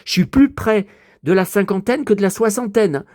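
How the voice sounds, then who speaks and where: A man's voice: high-pitched, animated, moderate pace, darkish tone, no room sound, clean studio sound. A man in his fifties talking casually to the camera at home as a vlogger, rambling and swearing often while showing his shopping. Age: 50s. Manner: breathless from carrying heavy bottles. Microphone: handheld camera held while talking.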